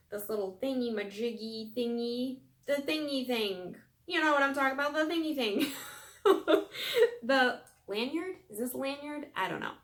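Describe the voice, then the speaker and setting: A woman's voice: a little high, fairly bright tone. A young woman beauty vlogger in a casual product review, chatty and full of fillers, musing aloud to herself.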